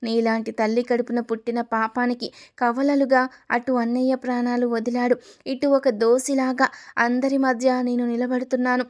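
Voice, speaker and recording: A woman's voice: on the high side, level tone, moderate pace, close to an everyday voice. A woman voicing an angry, righteous young daughter who accuses and scolds her mother in a storybook reading. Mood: accusing.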